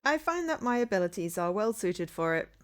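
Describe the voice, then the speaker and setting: A woman voicing a too-smooth, mechanical male android. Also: mid-range voice, big pitch swings, fairly quick, lightly acted. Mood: polite. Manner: evenly paced, mechanical speech like a voice synthesizer. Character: polite, flat-spoken male android warehouse keeper. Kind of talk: reading a visual novel aloud with voices.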